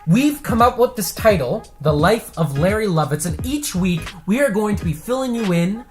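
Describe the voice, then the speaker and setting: A man co-hosting a casual movie show, telling a scene idea out loud and checking in with "okay?" as he goes. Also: high voice, animated, moderate pace, soft background music. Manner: storytelling with repeated "okay?" checks. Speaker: co-host.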